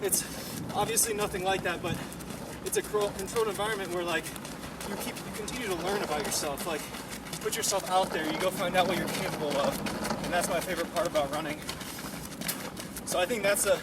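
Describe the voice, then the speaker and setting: High-voiced American guy talking while running. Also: fairly quick, long pauses. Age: 20s. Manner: rambling, informal, peppered with "like". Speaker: runner and online running coach. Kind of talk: casual chat while running. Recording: distant mic, loud outdoor traffic noise.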